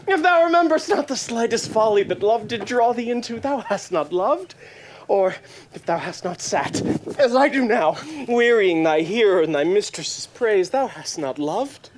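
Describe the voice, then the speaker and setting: A self-dramatizing, lovesick young shepherd, acted by a man in stage Shakespeare. The voice is remarkably high for a male, and the delivery is impassioned and declamatory. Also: animated, normal speed, a little hiss or hum. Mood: yearning.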